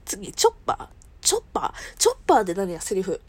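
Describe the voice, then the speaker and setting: A woman with a Kansai Japanese accent hosts a solo audio show, talking alone in a playful, self-mocking, chatty way and doing impressions. Her medium-pitched voice swings wildly in pitch, she speaks very fast, and there's no echo.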